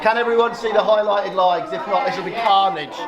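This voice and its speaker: Over a loud crowd of chattering, laughing guests, a middle-aged father of the bride makes a casual, jokey speech at a busy indoor reception. His voice sits high and runs a little fast with fairly even intonation, and his humor is dry, self-deprecating, and sometimes sweary.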